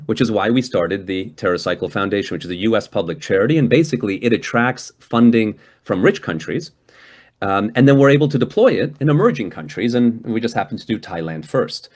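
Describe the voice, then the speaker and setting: A Hungarian man gives a guest lecture over a video call and takes questions, speaking conversationally with lots of restarts and a habit of ending points with "right?". His mid-range voice is a little mellow, with lively intonation and a fairly quick pace.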